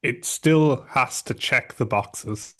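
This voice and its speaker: A man co-hosting a film podcast, blunt and insistent in casual chat, quick to laugh. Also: medium pitch, fairly bright tone. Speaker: podcast co-host.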